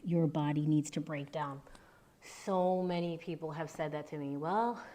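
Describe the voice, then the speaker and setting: A woman in her thirties guiding a relaxed mobility flow, talking softly and breathily with many half-whispered cues. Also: low voice, normal speed. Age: 30s. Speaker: yoga instructor.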